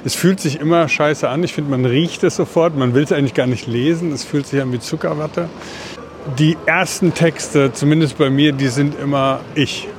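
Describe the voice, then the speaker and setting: A man's voice: on the high side, fairly even intonation, normal speed. A man co-hosting a podcast, chatting casually while walking outdoors through a city. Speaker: podcast co-host. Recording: clear outdoor street noise. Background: urban traffic noise.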